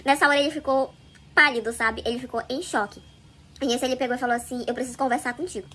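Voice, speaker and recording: Rapid-fire high-voiced woman storyteller. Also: steady tone, pushed and bright. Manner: chatty, confiding, addresses viewers. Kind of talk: fast first-person storytime narration.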